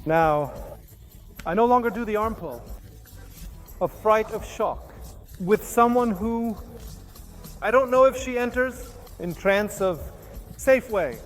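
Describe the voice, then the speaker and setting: A high-pitched man speaks as a hypnosis instructor, giving a demonstration lesson. He talks in short, halting phrases, breaking into commands and repetitions, with faint music behind him. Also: expressive.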